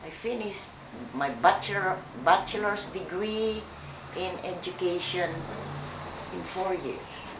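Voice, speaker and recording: An older woman from the Philippines, recalling her life slowly and haltingly in an oral history interview. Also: lowish voice, roomy sound, noisy background. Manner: slow, hesitant, with many fillers and restarts.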